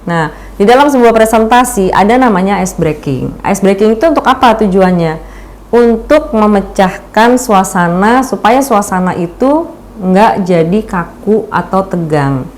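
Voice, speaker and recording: A woman's voice: mid-range voice, lively intonation, measured pace, darkish tone. A woman giving a casual webinar talk on presentation skills, chatty and full of fillers, often acting out little examples. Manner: chatty, uses many fillers and acts out examples.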